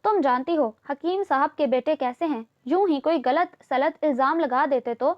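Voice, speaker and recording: A calm, middle-aged mother read by a female narrator gently reasoning with her daughter in an audio novel. The voice sits high. The recording is a little dull. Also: normal speed, close to an everyday voice.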